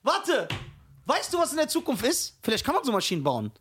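A man co-hosting a podcast in casual chat, telling stories with animated emphasis. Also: very high-pitched, fairly quick, a little hiss or hum. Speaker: podcast co-host.

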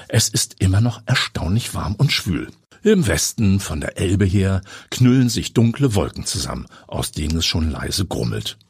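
A man's voice: sits low, big pitch swings, moderate pace, husky, no echo. A man reading a suspenseful story aloud, at times dropping into a whisper. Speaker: audiobook narrator. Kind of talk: scripted narration.

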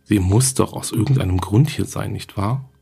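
A curious, probing young girl, as a male narrator puts her on, asking question after question. Her voice is low, gravelly and husky. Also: moderate pace, dark tone, full character voice.

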